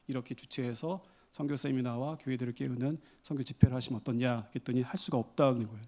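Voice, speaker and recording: A man's voice: mid-range voice, steady tone, quick pace, warm tone. A man missionary preaching a Sunday sermon in a church, telling stories and building to emphatic exhortations. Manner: storytelling, with rising emphatic exhortations. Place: church sanctuary.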